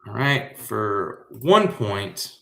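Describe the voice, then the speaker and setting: A man's voice: on the low side, sing-song, very slow, gravelly, pushed and bright. A man with an American accent, from Central Florida, hosting a casual livestream trivia show in a slangy, hyped, rambling way. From Central Florida, USA. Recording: echoey room.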